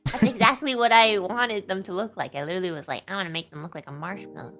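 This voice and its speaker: A woman whose first language is Chinese appears as a guest streamer, chatting casually but awkwardly, giggling and warmly complimenting her friend. Her mid-range voice moves at a quick pace, with soft music in the background.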